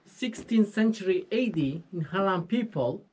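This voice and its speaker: A man's voice: sits high, expressive, a little mellow, a little hiss or hum, rough recording. Man guiding a tour in broken English. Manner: broken English, short phrases, halting with fillers. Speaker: local tour guide. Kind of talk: guided tour explanation. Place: outdoors and inside a mud-brick house.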